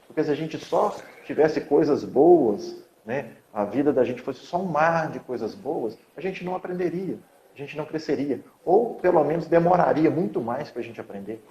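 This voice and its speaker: A man's voice: mid-range voice, mellow. Man, echoey dull recording. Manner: earnest, encouraging, repeats phrases. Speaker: host, hypnotherapist. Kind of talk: reflective conversation on grief. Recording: echoey, dull audio with faint hiss.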